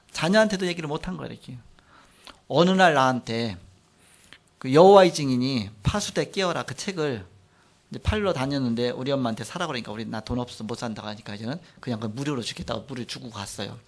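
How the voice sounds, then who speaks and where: A middle-aged man preaching a sermon, telling a personal testimony in an animated storytelling way. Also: medium pitch, a little fast. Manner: animated storytelling, acts out quotes, frequent trailing "like this". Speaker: pastor.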